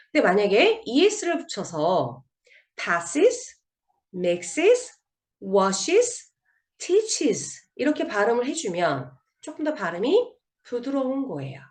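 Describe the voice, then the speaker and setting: A woman teaching English grammar in a recorded online lecture over slides. She asks her students questions and then answers them herself, and she drills word forms one by one. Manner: drills word forms with strong rise and fall in pitch.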